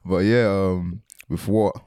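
Lowish-voiced young London man. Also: steady tone, takes it slowly, warm tone, no echo, clean studio sound. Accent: London, urban slang. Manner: slangy, repetitive, opinionated. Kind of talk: casual group chat.

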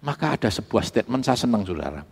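Pastor preaching in a reverberant church. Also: male voice, on the low side, sing-song, quick pace, vocal fry, slightly rough. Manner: emphatic preaching, repeatedly addresses the congregation. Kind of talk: sermon. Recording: long reverb of a church hall.

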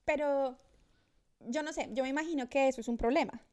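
A woman's voice: high-pitched, a little fast, darkish tone. A woman in her thirties chatting casually and reflectively, with many restarts. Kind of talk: casual conversation. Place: Australia.

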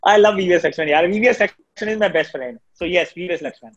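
This man is a Delhi-based cricket commentator whose first language is Hindi; he speaks with an Indian accent. Fielding interview questions, he is shrill, rapid and full of energy, and the audio has its highs cut off.

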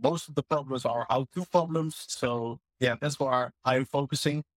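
Male guest, mid pitch, dry sound, short hesitant answers. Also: moderate pace, dry recording. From Netherlands. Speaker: guest YouTuber.

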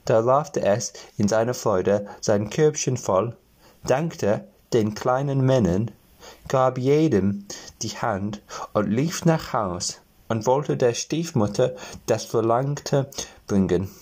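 A man reading a fairy tale aloud as a storyteller, telling it gently and now and then addressing the listeners. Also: medium pitch, slow.

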